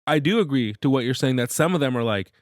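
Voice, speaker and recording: A man from Massachusetts co-hosting a podcast in a loose, casual way. He jumps in with quick interjections and says "dude" often. His medium-pitched voice is recorded close and dry, with no echo. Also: expressive. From Massachusetts, USA. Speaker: podcast co-host. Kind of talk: casual chat.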